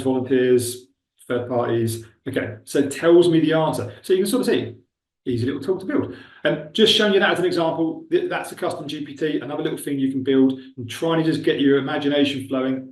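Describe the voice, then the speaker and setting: In a casual screen-share tutorial, a recruitment trainer from Milton Keynes chats and thinks aloud while clicking through a demo. He has a mid-range, slightly mellow voice and talks a little fast. The mic is distant, giving the room an echoey sound.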